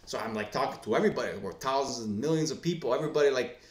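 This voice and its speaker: A man at a middle pitch rambles through a casual story to his viewers, swearing freely and restarting his sentences. His voice bounces around a reverberant room, picked up by a face cam setup. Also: expressive, racing. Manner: profane, rambling storyteller full of fillers and restarts. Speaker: gaming video host. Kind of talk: casual rambling commentary to camera. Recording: echoey room.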